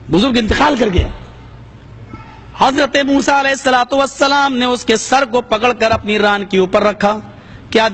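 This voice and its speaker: High-voiced man telling a sermon story. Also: slight background noise. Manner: dramatic, rising pitch for quoted voices. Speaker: preacher.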